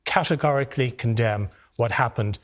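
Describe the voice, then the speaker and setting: A man's voice: mid-range voice, normal speed. A man on a studio debate panel who presses the same question persistently and repeats words when he is interrupted. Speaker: panel guest. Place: television studio.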